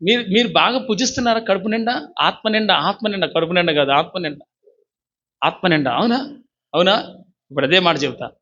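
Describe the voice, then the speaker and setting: A man's voice: sits high, a little fast, long pauses, bright, forceful tone, breathy edge. A man preaching a sermon as pastor, fervently urging the congregation to repeat his words. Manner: fervent, urges congregation to repeat after him. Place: church service. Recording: dull lo-fi recording.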